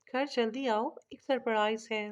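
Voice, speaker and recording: Woman reading a romance novel, high voice. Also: steady tone, moderate pace. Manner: reads all characters' dialogue in a lightly shifted voice. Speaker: narrator.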